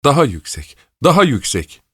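A man's voice: on the low side, sing-song, normal speed, dry recording, studio quality, pitched above the performer's own voice. A man reading an audiobook, voicing an old, imperious countess who scolds and gives orders. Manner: scolding, commanding, querulous.

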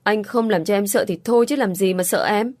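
A woman's voice: medium pitch, fairly quick, a little mellow, close to an everyday voice. A woman reading an audiobook story, voicing a considerate young man who speaks patiently and placatingly. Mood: calm.

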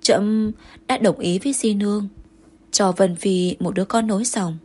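A possessive, jealous emperor speaks in commanding and coaxing turns, tender underneath, read by a woman. The tone stays at a middle height, with a husky, breathy softness. It is an audiobook role. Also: medium pitch, fairly even intonation, moderate pace, lightly acted.

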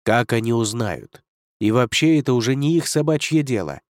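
A man's voice: mid-range voice, animated, moderate pace, no room sound, lightly acted. A man reading an audiobook, voicing a proud male dragon lord who speaks coldly and curtly. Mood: stern. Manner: cold, curt, commanding.

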